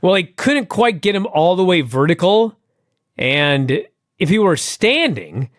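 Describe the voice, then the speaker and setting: A man co-hosting a podcast in casual chat, wry and quick to laugh, swearing now and then. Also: high-pitched, sing-song, a bit bright, no room sound, clean studio sound. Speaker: podcast co-host. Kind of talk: casual wrestling recap chat.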